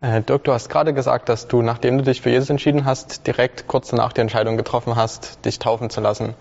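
A male host with a mid-range voice opens the show in a friendly, measured way. His voice carries a long reverb and sounds slightly dull. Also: mid-range voice, level tone, gravelly, darkish tone. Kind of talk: podcast hosting.

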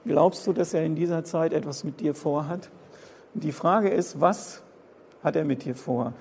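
Gravelly-voiced man preaching in a hall. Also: a little high, moderate pace, a little mellow, slight background noise. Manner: impassioned, repeats phrases for emphasis. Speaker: pastor. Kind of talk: sermon. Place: church hall.

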